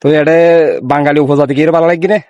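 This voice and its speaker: Male interviewer, Chittagong Bengali accent, rapid-fire casual delivery, slightly high voice, close dry sound. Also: fairly even intonation, darkish tone, dry recording. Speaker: street interviewer. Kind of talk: casual street interview chat.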